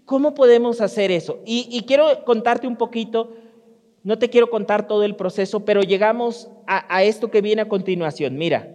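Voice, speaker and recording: A man's voice: sits high, darkish tone. A man preaching a conversational sermon, speaking straight to his congregation and often restarting his sentences. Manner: speaks directly to the congregation, storytelling with frequent restarts. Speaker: pastor. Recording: long hall reverb.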